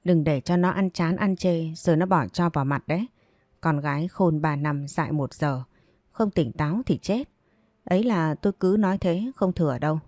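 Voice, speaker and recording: A woman's voice: low-pitched, normal speed, a little mellow, dry recording, clean studio sound, natural voice. A woman voicing a stern village mother who scolds her pregnant daughter sharply. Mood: scolding.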